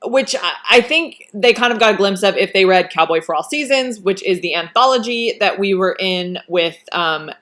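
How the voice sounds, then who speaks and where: A woman's voice: mid-range voice, lively intonation, normal speed, few pauses, a bit bright. An American woman hosting a casual chat with an author, talkative and storytelling, with frequent "um"s. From United States. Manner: chatty, many fillers, tells stories. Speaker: host interviewing an author.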